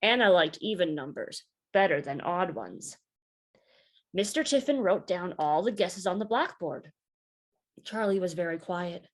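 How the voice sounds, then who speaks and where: With a fairly low pitch, a female storybook reader brings a picture book for children to life, taking her time and putting plenty of expression into it.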